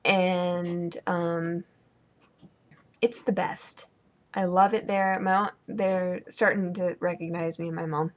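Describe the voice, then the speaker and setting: A young woman talks to her camera at home, ranting about her day with a sarcastic edge. She rambles freely, filling pauses with ums as she drifts from topic to topic. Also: on the low side, highs cut off. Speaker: vlogger. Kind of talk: casual vlog chat.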